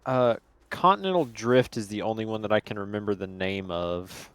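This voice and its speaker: A man's voice: fairly low pitch, moderate pace, clear, resonant tone, no room sound. A man chatting casually while playing a game with a friend, laid-back and a little hesitant. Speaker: co-player. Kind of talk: casual gameplay chat.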